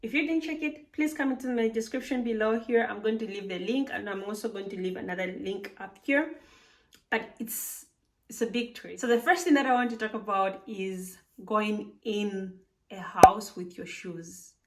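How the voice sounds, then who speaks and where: A woman's voice: medium pitch, normal speed, a little mellow, far from the mic. Chatty woman vlogging. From Zambia. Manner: chatty, frequent "like" fillers, emphatic. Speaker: vlogger living abroad. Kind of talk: casual advice vlog.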